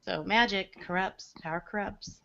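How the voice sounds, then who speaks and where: A woman's voice: medium pitch, moderate pace, gravelly, fairly bright tone, dull audio. A woman co-hosting a casual book club podcast, blunt and opinionated, swearing casually. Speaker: podcast co-host leading the book discussion.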